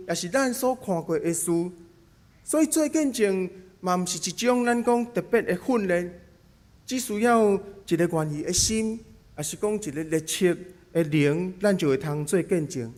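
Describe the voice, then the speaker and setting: A man's voice: high voice, a little mellow. A man with a Taiwanese Hokkien accent delivering a sermon in an explanatory way, posing rhetorical questions as he teaches. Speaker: preacher.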